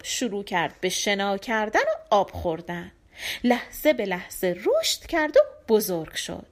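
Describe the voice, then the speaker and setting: A woman narrating an audiobook folk tale in an expressive storybook manner. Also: mid-range voice.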